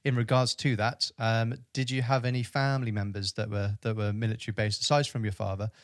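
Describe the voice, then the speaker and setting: A man's voice: on the low side, level tone, brisk, no echo. A man hosting a podcast interview from his home studio, upbeat and chatty. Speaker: podcast host. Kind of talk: casual interview. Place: home studio in a new flat.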